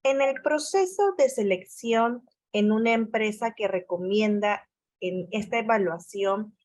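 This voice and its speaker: Slow, polite woman moderator. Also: medium pitch, a little mellow. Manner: polite, formal, reads questions aloud. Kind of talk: reading audience questions.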